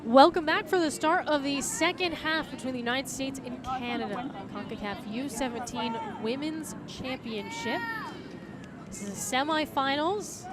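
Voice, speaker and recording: A woman's voice: high-pitched, normal speed. A woman giving live play-by-play commentary on a soccer match. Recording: loud crowd and outdoor stadium noise. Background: noisy outdoor stadium crowd.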